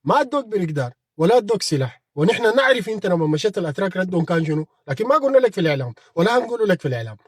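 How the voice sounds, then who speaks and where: A man's voice: sits high, sing-song, racing, few pauses, husky, dry recording, studio quality. A man with a Sudanese Arabic accent giving a heated political monologue, combative and mocking, speaking straight at his opponent. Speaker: political commentator on a live stream.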